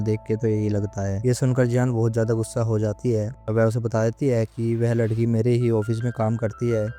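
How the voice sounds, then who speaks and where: A man's voice: lowish voice, dark tone. A man recapping a TV drama episode in a casual storytelling way, retelling it steadily with small slips and restarts.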